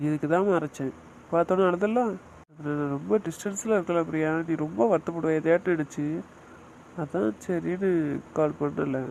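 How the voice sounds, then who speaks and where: A man's voice: fairly high pitch, normal speed, gravelly, a little mellow, slight background noise, low-quality recording. A man playing a young husband who hesitantly downplays a head injury and soothes his wife in an audio drama. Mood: soothing.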